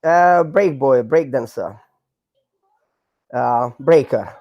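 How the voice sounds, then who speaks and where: A man in his forties from Hungary with a Hungarian accent, telling his story in a casual interview with many fillers and halting non-native grammar. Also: medium pitch, dry recording, muffled recording. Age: 40s. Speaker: guest, breakdancer.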